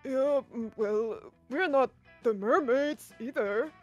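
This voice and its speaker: A woman's voice: on the high side, slow, darkish tone, highs cut off, faint music behind, pitched below the performer's own voice. A woman reading a stubborn, blunt teen monster. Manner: blunt, dismissive phrasing.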